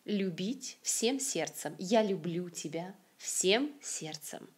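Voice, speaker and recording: A woman with a Russian accent teaches in an unhurried, deliberate way, saying every example twice. Her voice sits a little low and sounds soft and breathy, yet her intonation rises and falls with lively swings. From Siberia, Russia. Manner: repeats each phrase slowly and clearly. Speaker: language teacher. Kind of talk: slow, careful language lesson with repeated example phrases.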